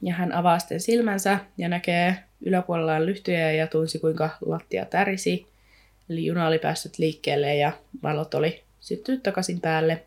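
A woman co-hosting a podcast in a relaxed, chatty way, speaking. She retells the plot in loose, rambling sentences full of fillers and now and then reads a passage aloud from the book. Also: low voice, vocal fry. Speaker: podcast co-host. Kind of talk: casual book discussion with read-aloud passages.

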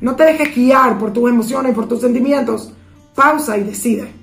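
A woman's voice: fairly high pitch, normal speed, vocal fry, roomy sound, soft background music. A woman giving a weekly Torah lesson for women, emphatic and full of rhetorical questions, now and then slipping into English phrases. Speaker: Torah teacher.

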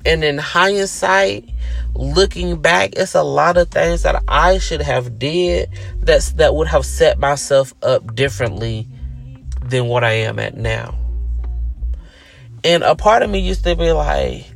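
A podcast host with a fairly high, creaky voice speaks slowly over soft background music. He delivers a reflective solo monologue on his own show, earnest yet casual and conversational.

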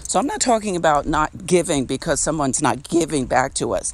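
A man's voice: a little high, expressive, brisk. A man hosting an unedited podcast outdoors, talking reflectively and repeating phrases, laughing now and then. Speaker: podcast host. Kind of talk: casual unedited podcast monologue. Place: outdoors by a street. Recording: faint outdoor street noise. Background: traffic and street noise.

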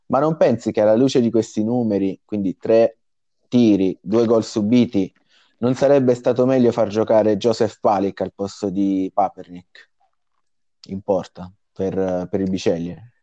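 Brief: male sports-chat host, low dark voice, halting delivery, slightly dull lo-fi sound. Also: fairly even intonation, dry recording. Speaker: host of a fantasy football discussion. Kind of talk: casual sports commentary chat.

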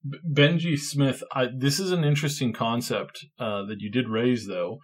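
A man's voice: mid-range voice, fairly even intonation, moderate pace, husky. A man co-hosting a podcast in casual chat, playful and rambling, with many fillers. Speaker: podcast co-host.

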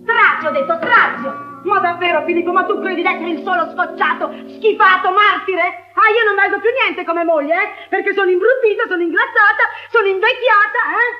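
Sarcastic housewife, middle-aged, very high voice, scolding theatrical drama delivery, dull lo-fi sound. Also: female voice, fairly quick, hardly any pauses, soft background music. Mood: sarcastic, aggrieved. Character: bitter, mocking middle-aged housewife, twenty years married. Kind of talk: theatrical marital comedy-drama acting. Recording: dull lo-fi old recording.

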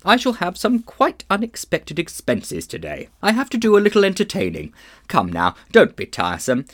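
A man's voice: high-pitched, huge pitch swings, moderate pace, voice pushed up. A man doing vain pompous old Uncle Andrew. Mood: wheedling. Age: older. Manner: pompous, wheedling, old-fashioned gentleman's talk.

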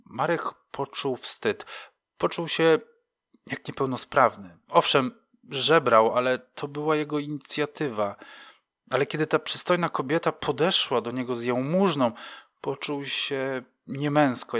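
Brief: male narrator, bright tone, mid pitch, measured storytelling. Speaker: audiobook narrator. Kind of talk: scripted fiction narration.

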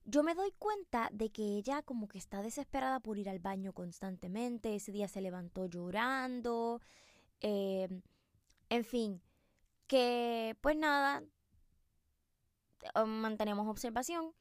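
Woman, podcast host, casual storytelling, chatty asides, somewhat high voice. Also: measured pace, no echo, clean studio sound. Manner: chatty, animated, with many fillers and asides to listeners.

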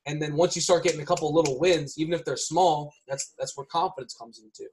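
A man's voice: on the high side, steady tone, fast talker, a little mellow, a little hiss or hum. A man talking casually on a podcast, rambling with many restarts and often ending lines with "right?".

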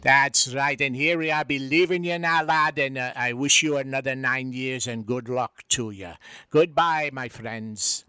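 A man's voice: medium pitch, measured pace, bright, forceful tone, clear, resonant tone, no echo, soft background music. A man putting on a jolly Irish bagpiper. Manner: boisterous, calls everyone lad and lass. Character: jolly old Irish bagpiper man leading a marching band. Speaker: comic character on a radio show.

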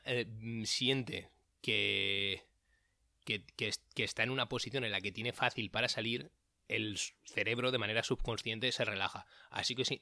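A man's voice: medium pitch, bright, forceful tone, dry recording, studio quality. A man with a Spanish accent from Spain, talking casually in a solo audio recording, chatty and often correcting himself mid-sentence. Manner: chatty, self-correcting, frequent fillers. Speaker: podcast host giving dating advice. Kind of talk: casual monologue.

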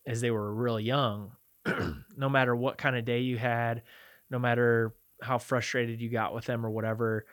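Here a thirties-aged male podcast co-host talks at normal speed with a medium, level pitch and a fairly bright tone. The audio is echo-free and studio quality. Musing on love during a relaxed conversation about faith, he rambles, restarts often, and corrects himself as he reflects.

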